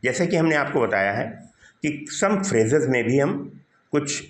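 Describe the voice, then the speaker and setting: A man teaching a grammar class with a mid-pitched voice that moves up and down a lot. He walks through each point step by step, putting questions to the students and answering them himself. The sound carries a noticeable room echo. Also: sing-song, takes it slowly. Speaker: English teacher. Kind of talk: classroom grammar lesson in Hindi. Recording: roomy echo.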